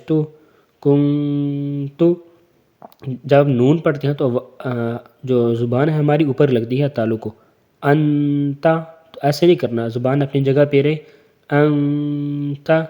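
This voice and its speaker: Guy teaching quran reading, slow and patient, letter by letter, mellow warm voice, keeps saying theek hai. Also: medium pitch. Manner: asks the learners questions and answers them himself; fills pauses with "theek hai". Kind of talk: recorded lesson.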